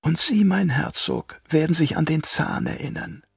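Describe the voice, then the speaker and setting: A man voicing a sly, half-mad old doctor who turns traitor, speaking in a hushed, whispery, drawn-out voice. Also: on the high side, lively intonation, creaky, slightly rough, no echo, clean studio sound, faint music behind, pitched above the performer's own voice, heavily acted. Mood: sly menace.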